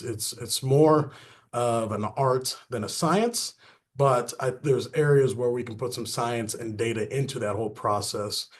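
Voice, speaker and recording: A man giving a webinar presentation on a video call, earnest and full of fillers and restarts. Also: lowish voice. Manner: earnest, filler-heavy, restarts mid-phrase. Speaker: business consultant presenting a webinar.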